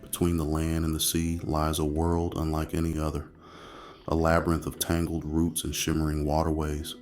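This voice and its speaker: Very deep male nature documentary narrator, ominous. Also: completely flat delivery, a little mellow, faint music behind. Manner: ominous, slow phrasing with dramatic pauses.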